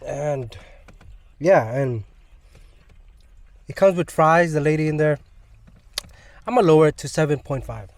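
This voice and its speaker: A man's voice: a little high, animated, measured pace, pauses often. A man hosting a casual food review vlog, chatting informally to viewers during a mukbang.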